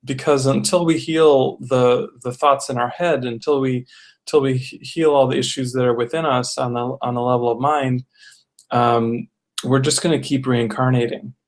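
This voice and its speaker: A man of middling pitch talks in a flat, level tone with little rise and fall. He is earnest and even, often restarting phrases and leaning on fillers as he reflects in a casual discussion. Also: normal speed. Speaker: co-host reviewing a film.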